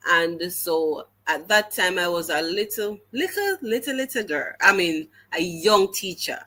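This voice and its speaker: Her voice is on the low side, expressive and sharp. This Jamaican teacher, interviewed as a guest, tells her story with earnest restarts, at times shifting into patois.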